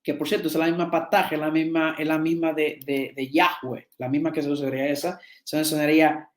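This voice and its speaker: A man's voice: fairly high pitch, level tone, fairly quick. Guy teaching a seminar off slides, keeps repeating himself and asking ok?, roomy echoey sound. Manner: repeats words and restarts often, checks in with "¿ok?". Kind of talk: lecture explaining slides. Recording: echoey room.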